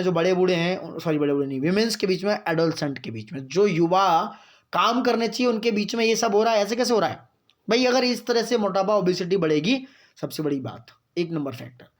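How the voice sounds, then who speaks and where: A man giving a current-affairs lesson for exam students, reading out points slowly and then explaining them in chatty asides, often checking that his students follow. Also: high voice. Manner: mixes in English phrases, reads slowly, explains in chatty asides; keeps asking "got it, friends?". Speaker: exam-prep teacher.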